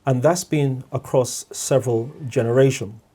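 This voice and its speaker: A middle-aged Guyanese man appears as a guest on a podcast, speaking in a reflective discussion. His medium-pitched voice is mellow and steady, and he talks in a measured way, repeating words and often checking in with "all right?".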